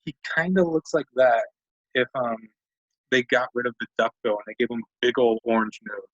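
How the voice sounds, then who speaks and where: A man's voice: medium pitch, moderate pace, a bit bright, no room sound. Man, casual gameplay commentary, rambling and self-mocking, dry dead sound. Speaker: let's play commentator. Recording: dull lo-fi dry mic.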